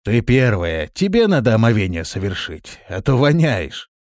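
A man voicing a calm, blunt young male warrior in an audiobook. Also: on the low side, normal speed, no room sound, clean studio sound.

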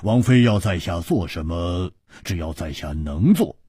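A man's voice: sits low, wildly swooping pitch, a little slow, warm tone, breathy edge, no echo, studio quality, pitched below the performer's own voice, heavily acted. A male storyteller voicing a bold, easygoing young male hero who stammers and hesitates before blustering. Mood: hearty.

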